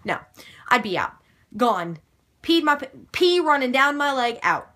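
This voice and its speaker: A woman's voice: sits high, very animated, unhurried, a bit bright. A young woman answering viewer questions in a casual, chatty video, emphatic and gushing, with mild swearing. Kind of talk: casual chat.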